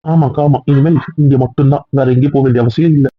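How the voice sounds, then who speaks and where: A man playing a young husband in a hobby audio drama, talking fast and insistently, recorded with a tinny phone-like sound. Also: mid-range voice, fairly even intonation, breathy edge, dry recording, close to an everyday voice. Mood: friendly. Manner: pleading then insistent, quick. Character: young husband, possessive and forceful.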